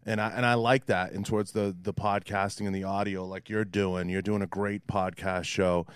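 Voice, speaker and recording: A man with a Boston accent chats candidly in an interview. His voice is fairly low and clean, recorded dry. He is wordy and casual, repeating himself for emphasis. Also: little pitch movement, moderate pace, clean tone, no echo. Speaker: podcast interviewer. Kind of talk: casual interview chat with swearing.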